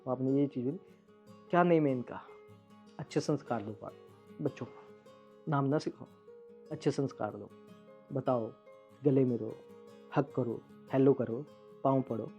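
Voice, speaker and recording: A man's voice: mid-range voice, unhurried, pauses often, warm tone, lo-fi sound, soft background music. A man vlogging to his followers in an emotional monologue, aggrieved and accusing as he speaks straight to his estranged wife.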